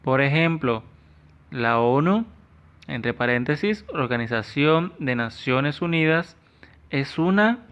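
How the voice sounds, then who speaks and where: A man with an Ecuadorian Spanish accent teaches a class of children, walking through each point slowly and with care. His pitch sits mid-range for a man. The recording has a dull, lo-fi sound. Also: animated, a bit bright, smooth. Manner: slow, careful explaining to children. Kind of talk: classroom lesson.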